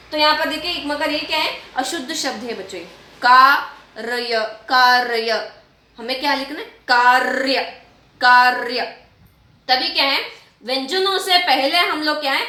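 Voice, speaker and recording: A woman teacher explaining a writing lesson to children, repeating and stretching out example words slowly. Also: high-pitched, bright, forceful tone, roomy sound. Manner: repetitive, drawn-out word demonstrations, addresses children often.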